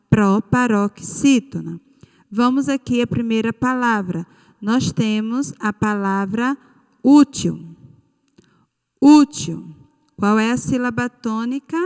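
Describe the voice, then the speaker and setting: A woman's voice: fairly high pitch, smooth, long reverb tail. A Brazilian woman teacher giving a recorded lesson to children, patiently drawing out key words. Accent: Brazilian Portuguese. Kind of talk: recorded online class for children.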